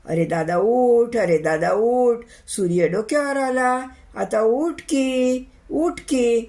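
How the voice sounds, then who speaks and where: A woman voicing an anxious village man with a Varhadi Marathi accent, calling loudly and insistently. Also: high-pitched, animated, slow, gravelly, voice pushed up, exaggerated voice. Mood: urgent. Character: anxious village man, younger brother-in-law.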